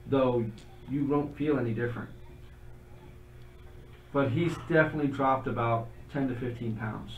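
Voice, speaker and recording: A man's voice: medium pitch, steady tone, moderate pace, pauses often, roomy sound, distant mic, dull audio, a little hiss or hum. A man narrating as game master of a tabletop game, describing things in a loose, conversational way.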